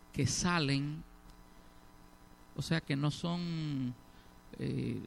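Slow gravelly middle-aged preacher man. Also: on the high side, slight background noise. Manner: asks the congregation rhetorical questions, stresses key words. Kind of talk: sermon.

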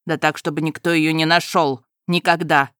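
A woman's voice: low voice, little pitch movement, normal speed, fairly bright tone, clear, resonant tone, dry recording, studio quality. Woman doing a harsh commanding villain. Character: rough male villain giving burial orders.

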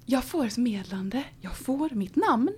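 A woman's voice: fairly high pitch, lively intonation, crowd noise. A young woman co-hosting a podcast, telling a story in casual chat and acting out her own quoted lines with animation. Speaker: podcast co-host.

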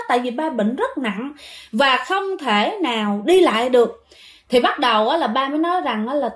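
A woman, telling a ghost story in a casual, chatty way and speaking straight to her listeners. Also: sits high. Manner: chatty, addresses listeners directly.

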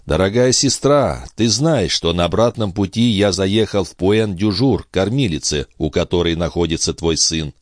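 Man doing a gentle young brother, low soft voice, consoling, close dry sound. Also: expressive, normal speed, hardly any pauses, dry recording. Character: young nobleman, tender protective brother.

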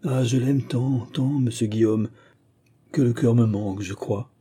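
A man's voice: medium pitch, measured pace, warm tone, slightly rough. A man voicing a timid, emotional young male clerk who stammers and pleads in an audiobook. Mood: moved.

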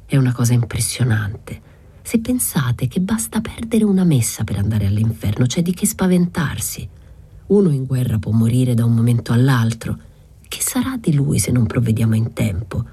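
Woman playing a pious anxious friar, hushed whisper, husky low voice, storybook reading. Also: expressive, moderate pace, full character voice. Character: pale fat friar, man, anxious and pious.

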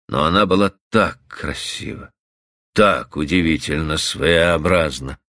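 Gravelly expressive male narrator. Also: medium pitch, no room sound, clean studio sound. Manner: expressive storytelling. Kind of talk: audiobook narration.

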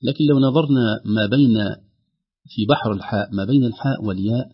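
A man teaching the rules of Quran recitation, drawing out words slowly to demonstrate them. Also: medium pitch, breathy edge. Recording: dull lo-fi broadcast audio.

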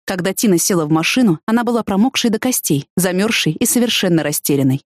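A woman reading a first-person audiobook narration in an even, measured storytelling manner. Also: fairly low pitch, no echo, clean studio sound.

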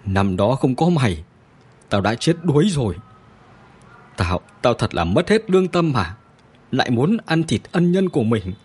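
A man's voice: a little high, very animated, normal speed, breathy edge, voice pushed up. A man doing a desperate peasant father, strained and anguished. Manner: anguished, shouting and weeping. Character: desperate starving middle-aged peasant father.

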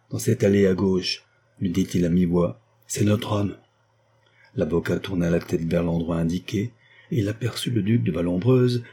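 A man reading a novel aloud as an audiobook narrator, giving the dialogue only small lifts in pitch and little change of voice. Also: mellow, a little hiss or hum.

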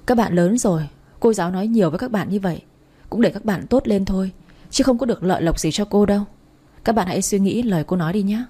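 A woman's voice: medium pitch, fast, warm tone, slightly rough. A young adult woman reading a first-person story aloud in a firm, lecturing manner. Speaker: narrator.

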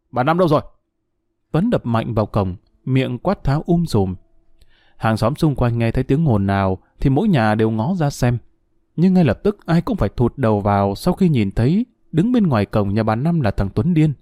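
A man narrating a story in a measured storytelling manner. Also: mid-range voice, warm tone, dry recording, studio quality. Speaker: audiobook narrator. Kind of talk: scripted narration.

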